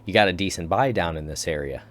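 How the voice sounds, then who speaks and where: A man with a low, deep voice walks viewers through price charts in a casual, explanatory way. He keeps returning to the same key terms as he points things out on screen. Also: fast, a bit bright. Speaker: crypto channel host. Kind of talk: chart analysis commentary.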